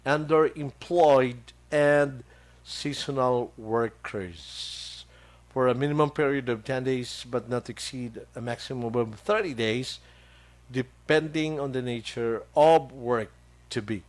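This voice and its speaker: A man with a Hiligaynon accent hosts a local radio program in a studio, greeting listeners one by one. He talks slowly in a mid-range voice, pausing often with fillers and breaking into small chuckles. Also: mid-range voice. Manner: slow, halting, with many fillers and chuckles. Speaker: radio host. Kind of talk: casual radio show chat with greetings to listeners.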